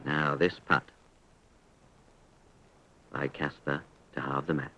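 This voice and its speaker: A man giving measured, understated golf commentary on a 1970s archive sports broadcast. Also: a bass voice, steady tone, pushed and bright, slight background noise, poor audio. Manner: understated, measured descriptions with appreciative exclamations.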